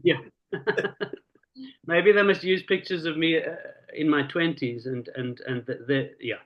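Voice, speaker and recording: A man, an author being interviewed, speaking in a dry, deadpan way with halting, repeated words. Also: on the high side, highs cut off. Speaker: novelist guest. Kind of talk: casual interview chat.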